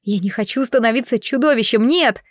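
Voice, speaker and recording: A woman voicing a desperate, tearful young girl who pleads in a shrill, high voice. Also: fairly quick, dry recording, close to an everyday voice. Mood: anguished.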